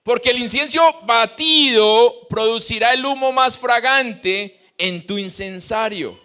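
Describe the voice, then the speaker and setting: A male pastor with a Colombian Spanish accent delivering a lively sermon and acting out the voices of the people he quotes. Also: very high-pitched, slow.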